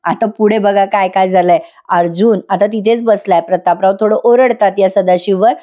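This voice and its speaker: A woman's voice: medium pitch, steady tone, normal speed, warm tone. A woman narrating a voice-over recap of a TV serial episode, chatting with her viewers as she retells the scenes. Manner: chatty storytelling, addresses viewers directly.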